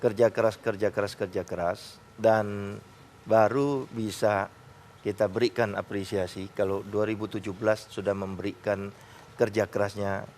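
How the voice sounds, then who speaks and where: A man speaking as a guest on a television talk show, slow and deliberate, repeating words for emphasis. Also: on the low side, little pitch movement, a little mellow, a little hiss or hum.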